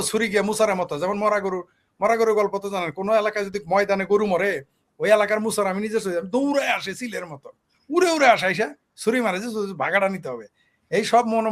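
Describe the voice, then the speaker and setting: A man from Bangladesh, giving political talk show commentary in an emphatic way, firing off rhetorical questions. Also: high voice.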